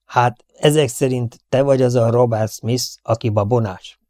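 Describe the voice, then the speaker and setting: A man playing a gruff, impatient army captain. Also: medium pitch, steady tone, darkish tone, no echo, clean studio sound, close to an everyday voice. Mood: gruff, interrogating. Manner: blunt, interrogating.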